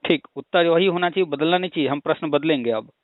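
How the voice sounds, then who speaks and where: A man's voice: on the high side, quick pace, no echo. A man explaining a topic at length in a casual phone conversation, lecturing patiently with rhetorical questions and examples. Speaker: teacher hosting a call-in discussion. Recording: tinny phone line.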